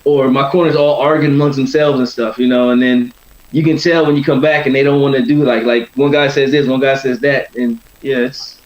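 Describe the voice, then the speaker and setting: A man's voice: mid-range voice, fairly even intonation, brisk. A man chatting casually as a boxer in an interview, rambling and often tagging on "you know". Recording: roomy, dull lo-fi sound.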